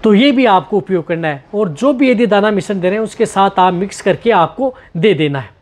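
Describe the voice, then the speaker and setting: A man's voice: sits high, animated, fairly quick. A man hosting a goat care channel, patiently explaining treatments step by step and often repeating himself. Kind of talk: instructional talk on goat health.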